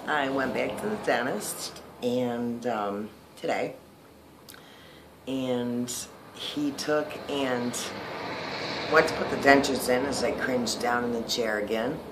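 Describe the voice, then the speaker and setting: A man's voice: mid-range voice, slow pace, background noise. Man talking through new dentures. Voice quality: slightly slurred, lispy speech from new dentures. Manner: chatty and rambling, many ums. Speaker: vlogger. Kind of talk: casual video diary.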